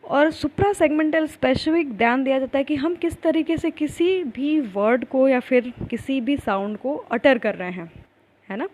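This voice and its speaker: A woman teacher gives a recorded lecture, asking herself questions and then answering them, and reads the definitions slowly, word by word. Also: high-pitched, darkish tone, rough recording. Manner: explains with repeated rhetorical questions.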